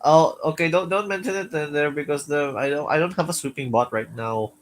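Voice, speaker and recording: A woman's voice: low-pitched, fairly quick, a little hiss or hum. A woman co-hosting a casual live stream, laughing a lot, saying "like" often and repeating her words.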